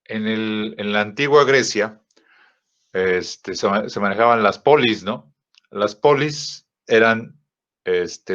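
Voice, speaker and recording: Slow halting male teacher, lo-fi audio. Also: mid-range voice, fairly bright tone. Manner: slow, halting, many fillers and rhetorical checks. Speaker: design teacher. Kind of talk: software tutorial lesson. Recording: dull lo-fi audio.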